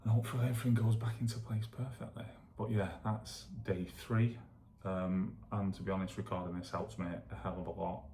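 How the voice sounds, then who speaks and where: A man with a very low, creaky, gravelly voice talks casually to his viewers. He rambles and thinks aloud in a self-deprecating way as he demonstrates something. The room around him sounds echoey. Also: little pitch movement, fairly quick, dark tone, a little hiss or hum. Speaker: vlogger. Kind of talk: casual chat to camera while demonstrating exercises.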